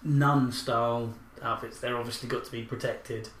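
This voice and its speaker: A man's voice: mid-range voice, flat delivery, moderate pace, fairly bright tone. A man hosting a podcast, chatting loosely about films and swearing freely. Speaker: podcast host. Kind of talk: casual chat about films. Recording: roomy echo, faint background hiss.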